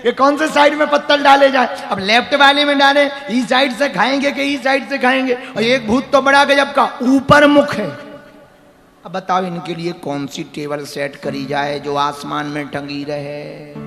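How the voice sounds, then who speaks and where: A man delivers an animated devotional sermon, slipping into character voices as he tells the story. His voice sits very high and rings bright and forceful. It comes through a large hall with a long reverb and faint music underneath. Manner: animated, acts out characters, sings refrains. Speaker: religious storyteller.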